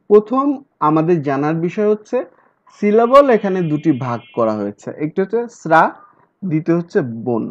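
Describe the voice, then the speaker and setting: Lively man teaching a lesson. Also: high-pitched. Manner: explains step by step, repeats key words. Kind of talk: exam-prep lecture. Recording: dull lo-fi recording.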